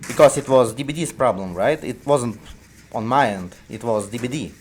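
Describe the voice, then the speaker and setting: A man speaking English with a strong Russian accent, his native tongue coming through clearly. He narrates over his gameplay in a hesitant, halting manner, often stopping and restarting his sentences. His voice sits at an ordinary middle pitch for a man. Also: a little hiss or hum. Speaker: gaming video creator. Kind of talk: casual commentary over gameplay.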